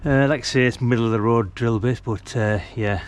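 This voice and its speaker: Here a British man with a mid-range voice and fairly even intonation keeps a brisk pace, explaining a DIY job casually while doing it. The radio hobbyist and vlogger stands outside at a house's brick wall, captured cleanly over outdoor work noise.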